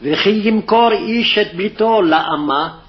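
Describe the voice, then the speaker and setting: A man formally recites a scripted Hebrew Bible reading phrase by phrase, his voice sitting high and racing along. The archival recording is dull and lo-fi.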